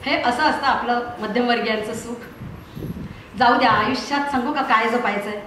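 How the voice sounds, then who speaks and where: A woman telling a funny story to a concert audience between songs, speaking in a lively, chatty way into a stage microphone. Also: fairly high pitch, normal speed, a little hiss or hum. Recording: echoey live hall sound.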